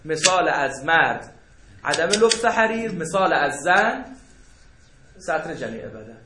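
A man's voice: a little high, sing-song, sharp tone, slight background noise. A man teaching a seminary jurisprudence class, joking and asking rhetorical questions as he explains. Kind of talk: jurisprudence lecture to students. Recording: echoey room.

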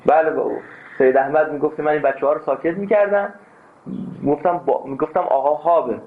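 Brief: male lecturer, emphatic and animated, somewhat high voice, tinny phone-quality recording. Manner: emphatic, animated, tells anecdotes. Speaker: teacher of philosophy. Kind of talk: classroom lecture.

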